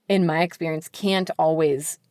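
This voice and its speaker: An American book editor, a guest on a podcast, speaks candidly and emphatically in an interview, sprinkling her talk with "like." Her voice is low, steady and darkish at a normal speed, with no room sound.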